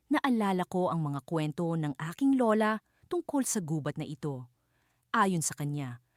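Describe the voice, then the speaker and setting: A woman narrating a fantasy storybook in the first person, in an expressive, dramatic way. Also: on the low side, dry recording, clean studio sound.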